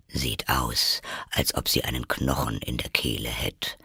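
A man voicing a gruff, bossy gryphon in an audiobook, deep and brusque. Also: fairly even intonation, measured pace, bright, forceful tone, no echo, clean studio sound, heavily acted.

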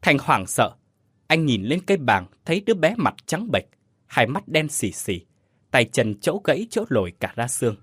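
A man narrating a horror story in an expressive, dramatic way. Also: medium pitch, normal speed, slightly rough, dry recording, clean studio sound.

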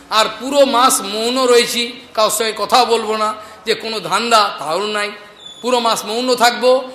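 Male preacher, Bengali accent, high sharp voice, earnest and anecdotal, long hall reverb. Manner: earnest, anecdotal, addressing the audience directly. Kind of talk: devotional scripture talk. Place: lecture hall in a market space. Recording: echoey hall recording with faint noise.

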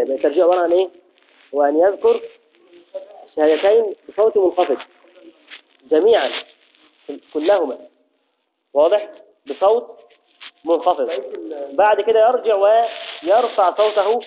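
A man teaching a classroom lesson on Islamic law, repeating key phrases slowly and asking and answering his own questions. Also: high-pitched, expressive, a little hiss or hum. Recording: tinny phone-like audio.

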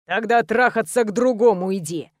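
A woman voicing a low, growling domineering man. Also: expressive, moderate pace, darkish tone, no room sound, studio quality, lightly acted. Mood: harsh. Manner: growls through clenched teeth. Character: brooding domineering man, harsh and commanding.

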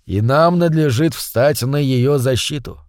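A man voicing a small, brave, bossy leader of a band of brothers, talking in a slow, commanding tone. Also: mid-range voice, darkish tone, no room sound, studio quality, close to an everyday voice.

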